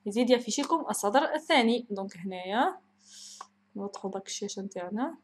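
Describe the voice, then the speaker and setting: Brisk Algerian woman lecturing on code. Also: mid-range voice, animated, slight background noise. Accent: Algerian Arabic. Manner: mixes French terms into dialect, asks and answers her own questions. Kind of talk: programming lecture.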